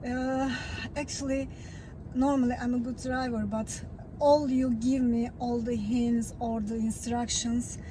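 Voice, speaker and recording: High-pitched, halting non-native woman in traffic noise. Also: level tone. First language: not English. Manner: halting, repetitive, earnest. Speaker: newly qualified learner driver. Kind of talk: casual spoken testimonial.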